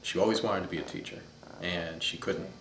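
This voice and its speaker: A man's voice: deep voice, fairly even intonation, brisk, fairly bright tone, a little hiss or hum. A man in his fifties from upstate New York, thoughtfully telling stories of his childhood in an interview. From upstate New York, USA. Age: 50s. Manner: thoughtful, storytelling, searches for words. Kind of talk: reminiscing interview. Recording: echoey room.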